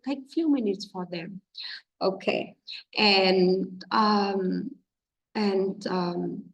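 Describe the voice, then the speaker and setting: A Vietnamese-speaking woman who trains other English teachers gives informal teaching guidance in non-native English. Her mid-range voice is husky and slow, halting and full of fillers, and she sounds distant from the microphone.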